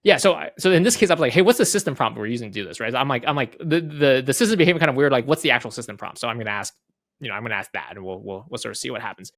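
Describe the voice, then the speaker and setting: At a brisk clip, a mid-pitched man, a guest product leader, gives a casual, off-the-cuff software walkthrough. He explains conversationally, often checking in with tag questions and acting out short exchanges, and the sound is dry with no room ambience.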